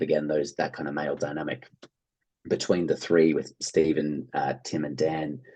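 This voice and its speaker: Low-pitched, dark, and husky, the voice belongs to an Australian actor and theatre producer speaking as an interview guest. He's informal and enthusiastic in a conversational way, acting out the reactions he imagines.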